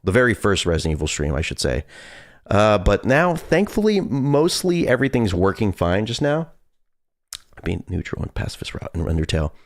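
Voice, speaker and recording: Scared horror game streamer, lively low-voiced young man. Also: brisk, no room sound, clean studio sound. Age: 20s. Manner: nervous, scared, swearing. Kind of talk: casual horror game live-stream commentary.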